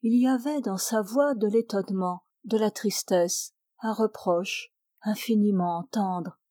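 A woman narrating a classic novel in a measured, soft-spoken literary reading. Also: medium pitch, dry recording, clean studio sound. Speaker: audiobook reader.

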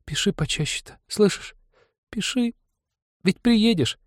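Young village girl, tearful, devoted, high breathy pleading whisper, man doing the voice. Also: expressive, a little slow, no room sound, studio quality. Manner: pleading, whispering through tears.

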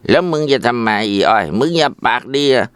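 A man's voice: mid-range voice, animated, fairly quick, clean tone, no echo, voice pushed up, lightly acted. A man voicing a rowdy, drunken teenage son who talks back to his parents in a sulky, insolent way.

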